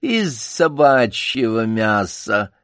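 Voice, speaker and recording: A man voicing a pompous old male circus poodle who lectures slowly with showy pauses. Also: mid-range voice, big pitch swings, no echo, studio quality. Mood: lofty, lecturing.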